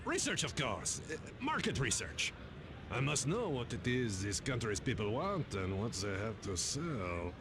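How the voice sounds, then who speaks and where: An actor playing a pompous, formal gentleman with a deliberate manner in a video game. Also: medium pitch, very animated. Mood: musing, self-important. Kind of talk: English video game voice acting. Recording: clearly noisy background.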